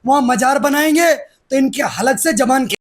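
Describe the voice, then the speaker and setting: A man's voice: extremely high pitch, moderate pace. A man, speaking aggressively and defiantly as the guest in a heated political interview. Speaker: interviewee, activist.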